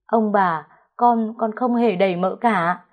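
A woman voicing a young female servant who pleads in a high, tearful voice. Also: slow pace, narrow, tinny audio, natural voice. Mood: pleading.

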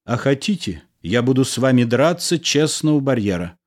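A man's voice: mid-range voice, big pitch swings, normal speed. A man reading the part of a gloomy, cornered lover who mutters and offers himself up dramatically. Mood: sullen. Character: sullen, cornered male lover in bed. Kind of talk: audiobook character reading.

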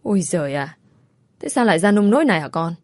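Woman playing a shrill scolding old mother-in-law. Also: very animated, quick pace, dry recording, clean studio sound. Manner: shrill, shouting.

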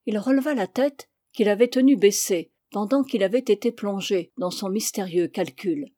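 A woman reading a story aloud in a measured, expressive way. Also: medium pitch, no echo, clean studio sound. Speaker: reader. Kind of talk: audiobook narration.

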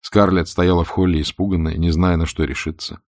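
Deep, gravelly male audiobook narrator. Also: no room sound, clean studio sound. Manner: measured, expressive.

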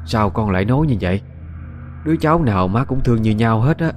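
Male narrator as a soft, loving old grandmother. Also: lowish voice, expressive, fast, slight background noise, close to an everyday voice. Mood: tender.

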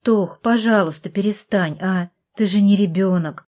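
A woman's voice: medium pitch, normal speed, mellow, lightly acted. A woman reading an audiobook, voicing a tired young therapist who coaxes her younger brother. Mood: coaxing. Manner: weary, coaxing.

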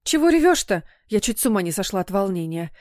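A woman reading a story voices a flustered, emotional middle-aged mother who chatters rapidly. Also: mid-range voice, fairly even intonation, darkish tone, dry recording, studio quality, lightly acted. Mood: excited.

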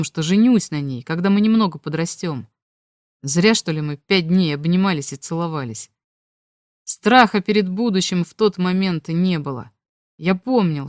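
A woman reading a novel aloud as an audiobook, telling a first-person story in a calm, even way. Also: lowish voice, no room sound, studio quality. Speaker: audiobook reader. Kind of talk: scripted narration of a novel.

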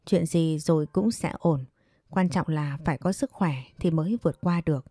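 A woman voicing a kind older neighbor woman who speaks softly and comforts a grieving girl. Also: deep voice, moderate pace, no echo, clean studio sound. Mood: comforting. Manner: soft, comforting, hesitant. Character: kind elderly neighbor woman, gentle and caring.

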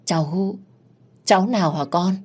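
A woman reading a story aloud, voicing a trusting, soft-hearted older mother who speaks hesitantly and with emotion. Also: on the low side, measured pace, breathy edge. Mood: tearful.

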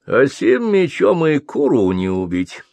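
A man's voice: mid-range voice, wildly swooping pitch, a little slow, vocal fry, darkish tone, no echo, voice pushed up, full character voice. A male reader voicing a weary young warrior prince, curt and commanding. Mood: stern.

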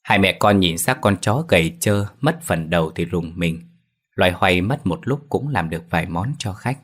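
A man narrating a ghost story in a steady, ominous tone. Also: low-pitched, normal speed.

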